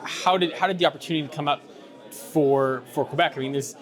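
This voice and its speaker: A man with a slightly high voice talks briskly as an interviewer for a mining news channel. His questions are long and rambling, full of fillers and restarts.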